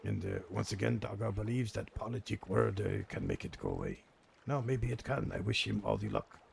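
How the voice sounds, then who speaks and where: A man acts out a grumpy old man, a weary, fatalistic veteran of a crime organization in a role-play game. His voice is low and heavily creaky, with gravelly grit. He speaks gravely and haltingly, though his pitch moves around a good deal. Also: sing-song, slight background noise, exaggerated voice. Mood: weary, grim. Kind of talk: improvised online role-play.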